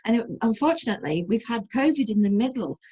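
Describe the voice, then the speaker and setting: A woman's voice: fairly high pitch, expressive, fast, warm tone, slightly rough. Upbeat woman hosting an interview. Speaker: host, wellbeing coach. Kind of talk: hosted interview chat.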